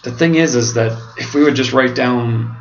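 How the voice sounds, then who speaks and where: An American man speaking earnestly and haltingly in a reflective monologue, his mouth swollen after oral surgery as if numb from the dentist. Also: mid-range voice. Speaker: pastor and seminary student. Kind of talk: reflective monologue to camera, answering questions. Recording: dull lo-fi home video, clearly noisy.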